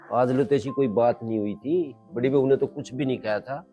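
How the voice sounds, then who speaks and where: Actor as older village uncle, Haryanvi accent, coaxing questions, mellow dark tone. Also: male voice, medium pitch, normal speed, soft background music, close to an everyday voice. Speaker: maternal uncle.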